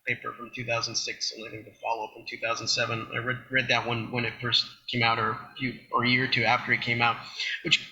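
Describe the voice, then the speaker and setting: A man's voice: mid-range voice, completely flat delivery, fast talker, bright, forceful tone, dull audio. A man presenting at a science journal club, talking casually with frequent restarts. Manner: rambling, many restarts.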